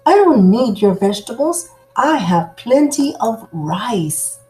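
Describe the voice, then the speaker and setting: A woman's voice: a little high, big pitch swings, dark tone, a little hiss or hum, voice pushed up. Woman voicing a cranky, lazy storybook spider. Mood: grumpy, defiant. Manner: cranky, emphatic, drawn-out refusals. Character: lazy, grumpy, stubborn male spider who shouts at neighbors. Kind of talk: children's storybook character voice.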